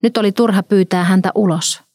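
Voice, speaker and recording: A woman narrating a story in a calm, measured reading. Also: mid-range voice, no echo, studio quality.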